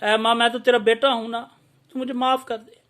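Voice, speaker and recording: A man's voice: very high-pitched, flat delivery, moderate pace, a bit bright. Man voicing a remorseful grown son. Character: remorseful grown son begging his mother's forgiveness.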